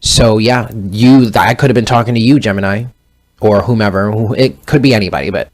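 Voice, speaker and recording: A fairly quick, lowish male voice belongs to a tarot reader in his thirties giving a casual session. He rambles in a conversational way and frequently self-corrects in the middle of sentences.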